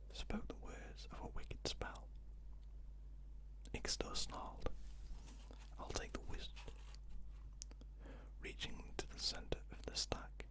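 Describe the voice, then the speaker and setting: A narrator reading a fantasy story aloud in a breathy ASMR whisper, close to the microphone, deliberately and with pauses between short phrases. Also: low-quality recording. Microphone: close ear-to-ear stereo microphone.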